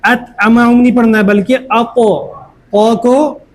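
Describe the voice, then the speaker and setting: A man teaching Quran recitation, chanting each verse slowly and pausing to correct pronunciation. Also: very high voice, fairly even intonation, rough recording. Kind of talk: call-and-response recitation lesson.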